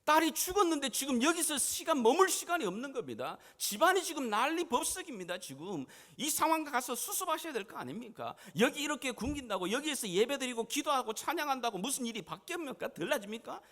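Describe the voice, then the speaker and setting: Pastor doing freaked-out servants yelling high and loud, echoey hall. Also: male voice, sing-song, fairly quick, few pauses, full character voice. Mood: frantic. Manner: loud, high, frantic pleading. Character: panicked household servants, grown men. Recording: church hall reverb.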